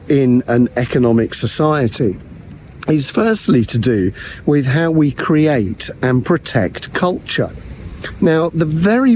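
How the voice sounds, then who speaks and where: Speaking to camera, a pastor-theologian gives a steady teaching talk full of ums and uhs. Recent illness has left his mid-range, somewhat mellow voice a little croaky, and slight background noise is audible.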